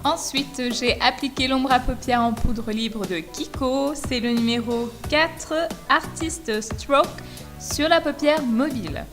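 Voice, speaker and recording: Female tutorial voice-over, calm and enthusiastic, slightly high, over clear music. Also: slow pace. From France. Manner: steady, explanatory, enthusiastic about products. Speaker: beauty vlogger.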